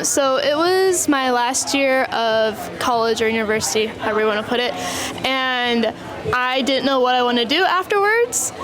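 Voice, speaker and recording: Young woman, breezy and offhand, high voice, crowd chatter. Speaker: new English teacher. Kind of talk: casual interview answers. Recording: busy crowd chatter behind.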